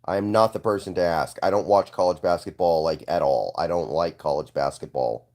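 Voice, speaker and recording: With a deep, slightly mellow voice, a young man fields viewer comments on a casual live stream in an offhand manner, speaking a little fast. He sounds congested and hoarse and keeps clearing his throat.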